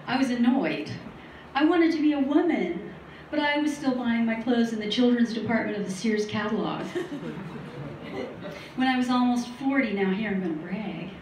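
A middle-aged woman performing a stand-up comedy set with deadpan, self-mocking asides in a small studio. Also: on the high side, normal speed. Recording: roomy, distant live recording with faint noise.

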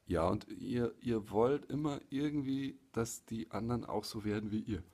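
A man in his forties chatting casually to camera in a halting, hesitant way, with a gravelly, husky voice. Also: lowish voice, a little mellow. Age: 40s. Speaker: hobby puppeteer and vlogger. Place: small living room, indoors. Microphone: phone or camera at arm's length.

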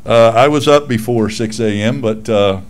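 A pastor in his sixties reads casual, folksy church announcements into a lectern microphone in a small church room. He's self-deprecating and full of fillers, speaking at a medium pitch and normal speed.

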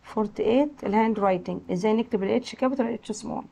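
A woman with an Egyptian accent teaching English to young children, slowly modelling words and letter sounds. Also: medium pitch, creaky, warm tone, breathy edge. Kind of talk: classroom lesson explanation.

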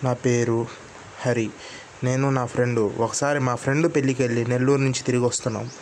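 A man's voice: medium pitch, flat delivery, fairly quick, a little mellow, slight background noise. A man telling a horror story in the first person, narrating plainly and acting out the quoted lines.

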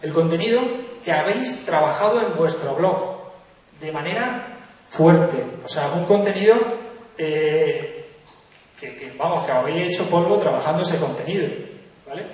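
A young man gives a joking conference talk into a handheld mic, often checking in with the audience. His voice sits fairly high. It rings through a large echoey hall and is picked up from far away. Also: lively intonation, a little slow, pauses often, a little mellow. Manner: chatty, jokey, asks "¿vale?" often. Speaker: guest speaker. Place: large lecture hall with stage. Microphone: handheld mic, recorded from far camera.

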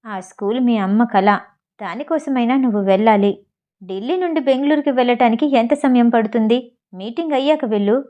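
A woman reading the lines of a firm older father, quietly and decisively. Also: on the high side, a little fast, close to an everyday voice.

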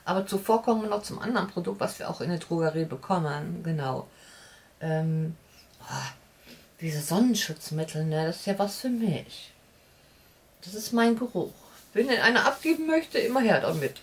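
In a shelved home room with warm lamps, a woman in her forties, a beauty vlogger, rambles casually through unboxing a beauty box, restarting often and using lots of fillers. She has a lowish, expressive voice at a moderate pace, recorded on a distant mic.

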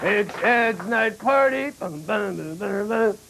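A man's voice: high voice, expressive, slow, vocal fry, a bit bright. A jokey, playful man hosting a comedic late-night chat show, heard from a worn videotape copy. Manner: jokey and playful, breaks into laughs. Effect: worn VHS tape copy. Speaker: talk show host. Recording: hissy worn videotape dub.

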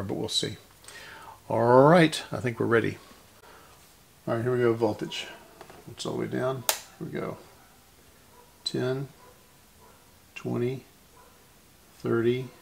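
The host of a radio repair channel narrates a hands-on repair, thinking aloud in a casual, methodical way as he works. His mid-range voice is husky, with noticeable vocal fry.

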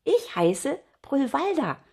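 Older lady doing a perky little girl dragon, chirpy and high, bouncy and sure of herself. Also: very animated, slow, full character voice. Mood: cheerful. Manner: bright, friendly and forthright. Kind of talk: storybook reading.

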